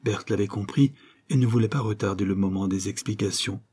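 A man reading a novel aloud in a measured storytelling manner as an audiobook narrator. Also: lowish voice, a little mellow, slightly rough.

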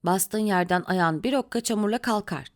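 A woman's voice: mid-range voice, moderate pace, natural voice. A woman reading the part of an irritable, sulky young husband in an audiobook, grumbling and complaining.

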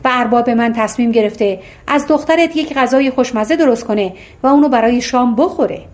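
A woman's voice: fairly high pitch, slight background noise, lightly acted. A woman voicing a male giant who carries a dragon's demands, blunt and threatening. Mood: menacing.

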